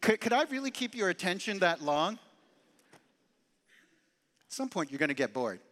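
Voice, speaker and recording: Animated preacher in a reverberant hall. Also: male voice, high-pitched, normal speed. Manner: animated, emphatic preaching with dramatic drops to quiet. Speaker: pastor. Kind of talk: sermon.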